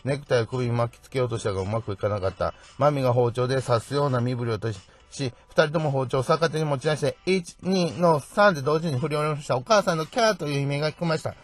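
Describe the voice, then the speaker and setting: A man with a medium-pitched voice hosts a solo true-crime podcast, talking very fast with few pauses. He's chatty, sprinkling his sentences with "ne" tags and wry little asides.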